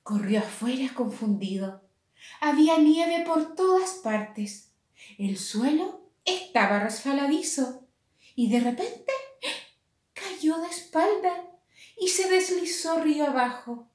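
A woman reading a picture book aloud to children in a gentle, expressive manner. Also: sits high, slow pace. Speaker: storyteller for children. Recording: roomy echo.

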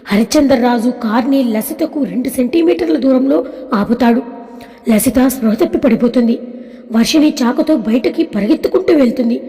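A woman storyteller with a high, mellow voice, reading a family drama steadily and plainly. A long reverb hangs behind every line. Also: moderate pace. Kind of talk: scripted story narration.

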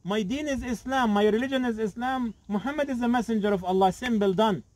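A man's voice: very high-pitched, fairly quick, a little mellow, no room sound, low-quality recording. A middle-aged man, an imam, giving an earnest outdoor sermon at a graveside, repeating phrases and asking rhetorical questions. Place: outdoors at a cemetery, crowd standing around. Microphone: camera a few metres away.

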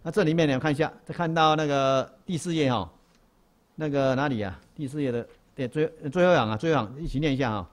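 A Buddhist monk gives a dharma lecture to a class, repeating key phrases and asking rhetorical questions. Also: male voice, mid-range voice, fast. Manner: repetitive and emphatic, poses rhetorical questions, often restarts. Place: lecture hall.

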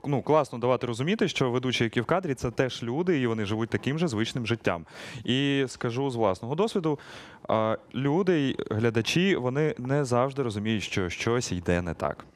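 A young man co-hosting a morning TV show, chatting briskly and signing off in a lively presenter way. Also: medium pitch. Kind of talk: casual chat, upbeat show sign-off.

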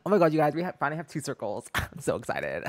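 Young male streamer, lively swooping delivery, slang-heavy casual chat. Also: on the high side, rapid-fire, faint music behind. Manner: animated and chatty, full of slang. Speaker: game streamer.

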